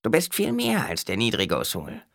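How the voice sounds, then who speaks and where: A man's voice: mid-range voice, wildly swooping pitch, moderate pace, vocal fry, a bit bright, no echo, clean studio sound, voice pushed up, exaggerated voice. A man voicing an impish male dwarf servant with a squawking voice, playful and riddling. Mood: mocking riddles.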